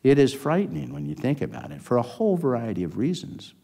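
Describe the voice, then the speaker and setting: A man's voice: mid-range voice, big pitch swings, fast, vocal fry, mellow. An older man being interviewed about his career, telling stories at a rambling pace, with many restarts. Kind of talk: oral history interview storytelling. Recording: long hall reverb.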